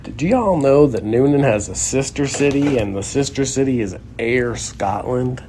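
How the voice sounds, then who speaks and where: A man's voice: mid-range voice, moderate pace, mellow, slight background noise. A man, a young adult guest comedian, delivering a sarcastic, grumbling comedic rant.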